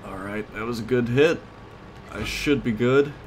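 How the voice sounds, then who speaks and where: Over the clear rumble of vehicles and combat in a tank game, a man who hosts a let's play series talks casually, reasoning out loud in short tactical lines. He has a mid-range voice and speaks a little slowly.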